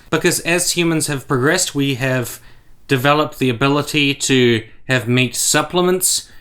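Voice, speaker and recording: A man's voice: fairly high pitch, sharp tone. A man giving blunt, sarcastic, profane opinion commentary for a vlog. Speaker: commentary YouTuber.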